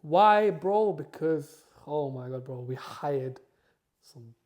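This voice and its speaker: A high-voiced young man tells stories in a loose, animated way. He laughs easily and keeps dropping slang into a casual podcast chat. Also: takes it slowly. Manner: animated, laughing storyteller, says bro a lot. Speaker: podcast guest.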